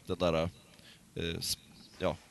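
Man, low-pitched, casual podcast chat, hesitant, filler-heavy, slight background noise. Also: completely flat delivery, vocal fry, a bit bright. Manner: hesitant, many fillers and restarts. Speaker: podcast co-host.

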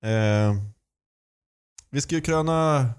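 A man's voice: mid-range voice, clear, resonant tone. A man chatting casually as a podcast co-host, blunt and enthusiastic. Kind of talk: casual chat.

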